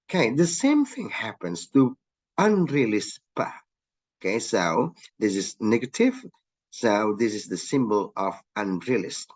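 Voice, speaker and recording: Slow, husky-voiced male lecturer. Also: on the low side. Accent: Indonesian. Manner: repeats "okay" often, lively rising emphasis on example sounds. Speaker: linguistics lecturer. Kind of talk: recorded lecture explaining slides.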